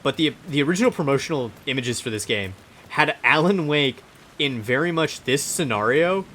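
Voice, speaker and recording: A man's voice: fairly high pitch, lively intonation, normal speed, a bit bright, a little hiss or hum. A man hosting a casual gameplay chat, rambling and muttering to himself as he plays. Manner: chatty, rambling, mutters to himself while playing. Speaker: let's play host.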